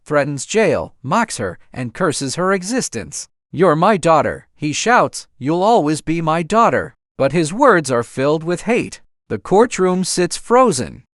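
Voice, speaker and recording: A man's voice: on the high side, no echo, studio quality. A man narrating a courtroom recap in a punchy, dramatic scripted style.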